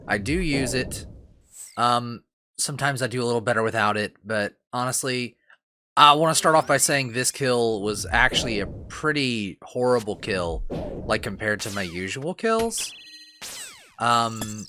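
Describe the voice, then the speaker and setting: A man's voice: medium pitch, animated, a little slow, sharp tone. Rambling man narrating gameplay over noise. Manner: rambling, self-deprecating, many fillers and restarts. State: lingering cough, itchy throat. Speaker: gaming channel host.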